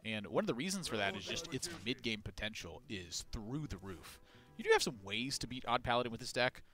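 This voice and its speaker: A young man co-casting a collegiate card game tournament, breaking down deck lineups with quick, joking asides. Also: mid-range voice, very animated, a bit bright, faint music behind. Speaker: esports co-caster. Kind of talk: tournament commentary.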